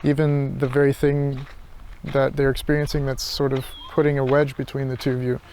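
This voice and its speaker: A philosophy vlogger thinks aloud in an unscripted, reflective monologue, hesitant and searching, often circling back over his phrases. His medium-pitched, slightly mellow voice stays monotone at a moderate pace, with slight background noise.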